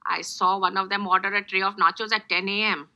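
A scheming grandmother who talks in a put-on Indian accent, with a gravelly edge to the voice. The tone is bright and sharp. She sounds sly and matter-of-fact, like a TV comedy scene. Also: medium pitch, fairly even intonation, a little fast, highs cut off. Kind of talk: TV comedy dialogue.

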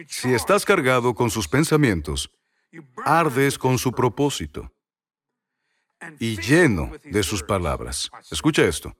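A man preaching a sermon, repeating key phrases and asking the congregation rhetorical questions. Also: mid-range voice.

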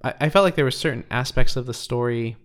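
Male co-host from the United States, mid voice, halting and searching for words, casual. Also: mid-range voice. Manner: hesitant, restarts while searching for words. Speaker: podcast co-host. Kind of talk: casual chat.

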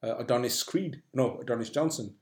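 A man's voice: medium pitch, fast talker. Rambling man, echoey room. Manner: rambling, full of uh and restarts. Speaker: podcast host. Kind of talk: casual chat.

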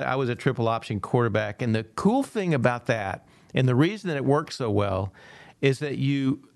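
Middle-aged man, former coach, animated storyteller, acts out dialogue, laughs often, average pitch, dry close recording. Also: no room sound. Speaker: speaker and former football coach. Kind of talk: storytelling in a podcast conversation.

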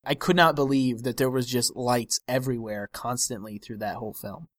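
A man's voice: mid-range voice, fairly even intonation, normal speed, dry recording. A man co-hosting a film podcast in casual chat, often trailing off and searching for the right words. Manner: hesitant, searching for words, stretched-out phrases.

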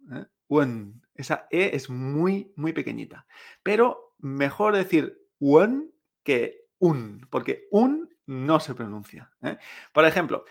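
A man teaching a pronunciation lesson, speaking slowly and patiently, repeating sounds and checking in with the listener often. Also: a little high, gravelly. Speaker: Chinese teacher.

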